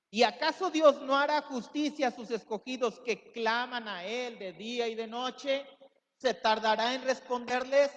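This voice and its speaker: A man giving a sermon as pastor, preaching with emphatic rises and acting out quoted voices. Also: very high voice. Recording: dull sound with long hall reverb.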